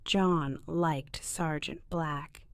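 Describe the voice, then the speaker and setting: A woman narrating a story slowly and clearly for English learners, with an expressive reading voice. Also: low voice, no room sound.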